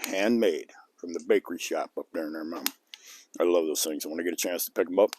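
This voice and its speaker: An older man telling a rambling outdoor story to the camera in a folksy way, chuckling between lines, recorded outside on a calm, cold day. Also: low voice, fast talker, slight background noise. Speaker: outdoor vlogger.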